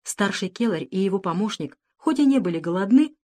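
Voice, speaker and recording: Lady reading a kids' adventure book, even and steady, mid pitch. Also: a little fast. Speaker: narrator. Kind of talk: storybook narration.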